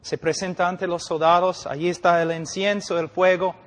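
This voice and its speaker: A man's voice: high voice, little pitch movement, normal speed. Preaching man in a reverberant hall. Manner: emphatic, rhetorical questions, swings between loud and hushed. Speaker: pastor and missionary preacher. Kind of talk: sermon. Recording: long reverb of a large hall.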